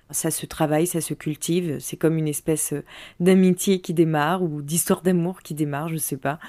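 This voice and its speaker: A woman's voice: deep voice, mellow. A woman from France in her thirties, a would-be novelist thinking aloud in a spontaneous audio diary, with many hesitations. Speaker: aspiring novelist, podcast host.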